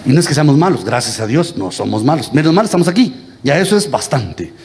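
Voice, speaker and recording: A man's voice: medium pitch, very animated, fast, gravelly, a little mellow. A Guatemalan priest giving a homily, teasing his congregation and quizzing them with the same question again and again. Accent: Guatemalan Spanish. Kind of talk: lively interactive homily. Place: church.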